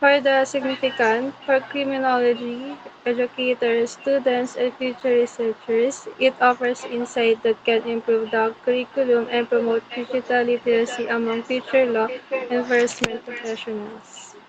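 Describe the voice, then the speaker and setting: A woman's voice: on the high side, level tone, moderate pace, highs cut off, background noise. A young woman reading a scripted academic presentation as a student researcher. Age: young adult.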